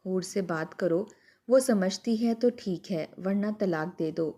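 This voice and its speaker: Brief: a woman doing a concerned male friend, calm and reassuring, mellow storybook tone. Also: high-pitched. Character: caring male friend giving advice.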